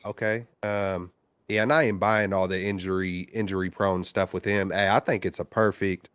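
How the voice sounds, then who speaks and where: Male caller on a phone line, lowish voice, dry sound, easygoing slangy chat. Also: fairly even intonation, normal speed, fairly bright tone, clean tone, dry recording. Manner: slangy, laid-back, lots of "man" and "bro". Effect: heard over a phone line. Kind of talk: casual call-in chat.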